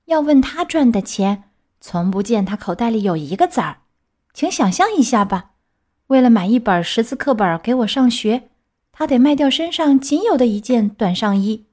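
A high, lively voice full of naive eagerness brings a wooden puppet boy to life, as a woman reading a storybook puts him on. He brags and protests with bright, bouncing excitement. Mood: eager. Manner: eager, boastful, quick to protest.

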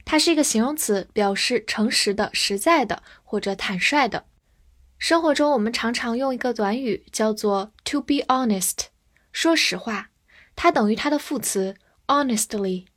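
A woman teaching English vocabulary in Mandarin, spelling each word letter by letter and reading example sentences slowly for learners to repeat. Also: a little high, animated. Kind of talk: Mandarin-language vocabulary lesson.

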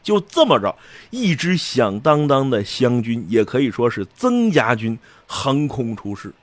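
A man's voice: mid-range voice, very animated, a little slow, no echo. A man giving a colloquial, jokey storytelling history lecture.

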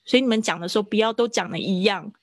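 A woman teaching a live online English lesson, explaining at length and stretching out words slowly to demonstrate them. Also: mid-range voice, no echo. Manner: slow, drawn-out pronunciation demonstrations. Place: online class.

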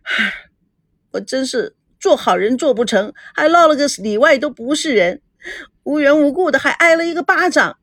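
A woman's voice: high-pitched, animated, normal speed, a bit bright, no room sound, studio quality, pitched above the performer's own voice. A woman voicing a sly young woman who plays the wronged friend with an aggrieved, wheedling tone.

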